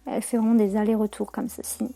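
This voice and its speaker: A woman's voice: mid-range voice, little pitch movement, fast, creaky, mellow, faint music behind. A young woman chatting casually through a makeup tutorial, slangy and full of fillers and self-corrections. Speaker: beauty vlogger.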